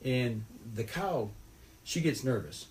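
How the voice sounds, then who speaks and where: A man's voice: mid-range voice, slow pace, a little hiss or hum. A man telling a rambling, folksy story about a fishing trip in casual podcast chat. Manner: rambling, folksy, animated retelling.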